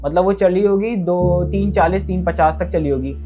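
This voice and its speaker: A fire survivor gives an interviewer an earnest, rambling eyewitness account full of fillers, often dropping to a quieter voice as he tells it. His voice sits high and moves at a moderate pace, with faint music in the background.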